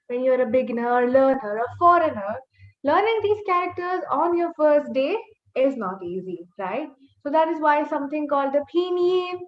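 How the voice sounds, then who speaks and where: Woman, language teacher, high voice, step-by-step explaining, echoey dull webinar audio. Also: slight background noise. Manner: explains step by step, stretching and singing out demonstration syllables. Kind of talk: online class lesson. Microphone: computer mic on a video call.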